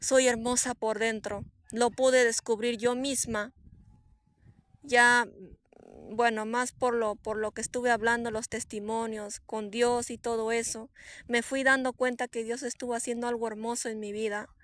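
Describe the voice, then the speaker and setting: A woman, a prophetess, giving an earnest, emotional personal testimony, swinging between soft and emphatic and repeating herself for emphasis. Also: fairly high pitch, level tone, measured pace. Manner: repetitive, with frequent restarts and fillers.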